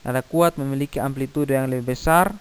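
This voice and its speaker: A middle-aged man, patiently explaining a physics lesson to children, pausing and singing note names to demonstrate. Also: medium pitch, fairly even intonation, smooth. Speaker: teacher.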